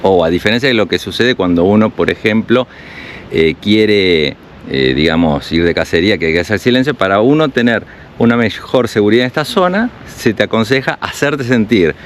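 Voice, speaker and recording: A man's voice: on the low side, expressive, fairly quick, a little hiss or hum. An Argentine man giving casual walking commentary for a travel vlog, reading signs aloud and explaining them. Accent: Argentine Spanish. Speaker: travel vlogger. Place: outdoors in a mountain village.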